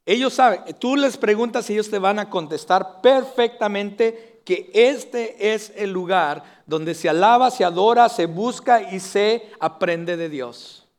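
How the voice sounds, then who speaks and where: A man's voice: sits high, unhurried, hardly any pauses. A male pastor preaching an earnest sermon to his congregation, building to emphatic declarations.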